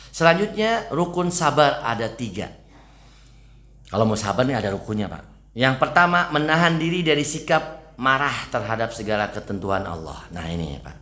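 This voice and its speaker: A man with a fairly low voice gives a casual study talk in a mosque. He talks in a chatty way and keeps asking his listeners questions. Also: fairly bright tone. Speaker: preacher.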